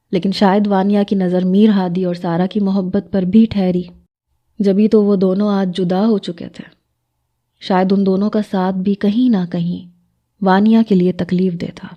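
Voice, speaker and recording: Soft-spoken woman storyteller. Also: medium pitch, lo-fi sound. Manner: soft, measured, sorrowful. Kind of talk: emotional scripted narration.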